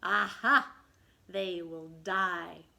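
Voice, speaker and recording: A man's voice: sits high, fairly even intonation, drawn-out words, vocal fry, pushed and bright, exaggerated voice. A woman voicing a villainous male pirate captain from a storybook, gloating and cowardly.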